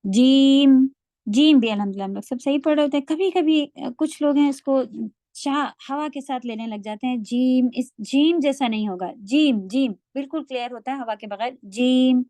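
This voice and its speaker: Lady teacher walking students through letter sounds, slightly high voice, dry recording. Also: dark tone, dry recording. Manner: patient, explains pronunciation by demonstrating letter sounds. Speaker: Quran recitation teacher. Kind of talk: online tajweed lecture.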